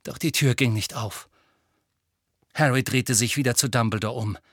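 A man's voice: medium pitch, moderate pace, no echo, studio quality. A man narrating a novel as an audiobook in a dramatic storytelling manner.

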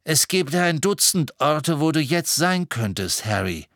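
A man voicing a calm, kindly father wizard. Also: fairly high pitch, measured pace, dry recording, clean studio sound, voice pushed up, exaggerated voice. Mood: reassuring. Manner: calm, reassuring.

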